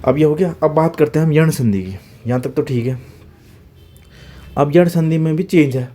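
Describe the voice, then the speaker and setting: This male teacher's voice runs fairly high with a dark tone, at a moderate pace. He delivers an exam-prep grammar lecture, spelling out sounds one at a time, posing questions he answers himself and tagging "okay?" onto every point.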